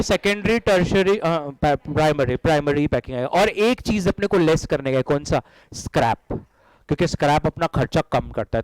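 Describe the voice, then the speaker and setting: A middle-aged man leads a lively classroom lecture, firing questions at students and having them chant answers back. His voice sits a little high and comes across dry and close, with little room sound. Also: smooth, no echo, rough recording. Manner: energetic, drills class in call-and-response; mixes Hindi with English terms. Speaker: accounting teacher.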